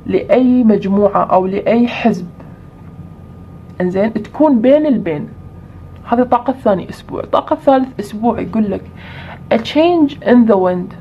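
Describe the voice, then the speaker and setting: A woman's voice: mid-range voice, lo-fi sound, slight background noise. A woman giving a tarot reading, explaining each point with repeated either-or examples. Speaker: tarot reader.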